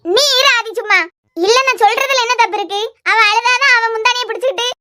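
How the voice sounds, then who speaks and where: A woman voicing a spiteful older mother-in-law in a cartoon, shouting and scolding. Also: extremely high pitch, fast talker.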